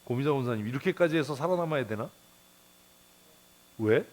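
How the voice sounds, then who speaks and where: A little mellow yet animated, a male pastor preaches a Bible devotional in church at a fairly quick pace. He's blunt and colloquial, peppering his talk with rhetorical questions, muttered curses, and chuckles while his pitch jumps at times.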